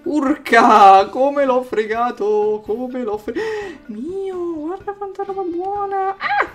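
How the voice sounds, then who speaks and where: Brief: high-pitched woman gamer, excitable commentary over faint music. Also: slow. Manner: excitable, exclaiming and teasing opponents. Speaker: gaming YouTuber. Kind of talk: gameplay commentary.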